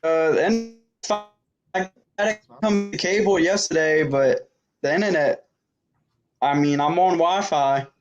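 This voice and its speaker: A man calling in over a video call, his audio glitching and robotic, talking in a halting way with many fillers. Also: a little high. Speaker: call-in guest. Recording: dull, lo-fi glitchy internet call with faint guitar music.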